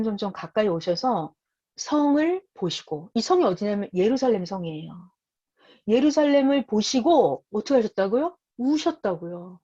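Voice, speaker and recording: A woman's voice: fairly high pitch, dark tone, slightly rough, highs cut off. A woman teaching through a Bible passage, reading verses and asking her listeners rhetorical questions.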